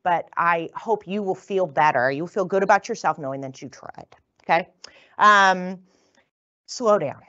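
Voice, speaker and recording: A woman from the northern United States lecturing as a physician, talking fast and casually and often tagging her points with "right?". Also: on the low side, bright, forceful tone, no echo, highs cut off. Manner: quick, conversational, tags lines with "right?". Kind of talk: continuing-education lecture. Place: lecture room.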